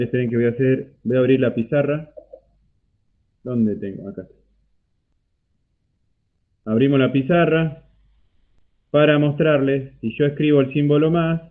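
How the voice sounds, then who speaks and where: Argentine man teaching math over a tinny call. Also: medium pitch. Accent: Argentine Spanish. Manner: checks in often with rising "¿sí?". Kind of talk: online class explanation. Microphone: computer mic on a video call. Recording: tinny phone-like video call audio.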